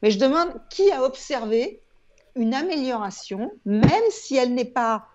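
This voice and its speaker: In a video call interview, a woman in her sixties, a guest who trains people in eye yoga and writes books, explains things conversationally from an indoor home room lined with shelves. Her high voice is expressive and darkish, her pace measured, and she speaks emphatically, repeating words. Wired earphones give the audio a dull, lo-fi quality.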